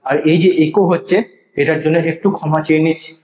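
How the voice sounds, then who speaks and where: A man's voice: on the high side, level tone, quick pace, a little mellow. A man giving earnest, confident blogging advice in a casual tutorial, his voice carrying a heavy room echo. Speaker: blogging and SEO YouTuber. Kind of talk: casual tutorial monologue to camera. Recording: echoey untreated room.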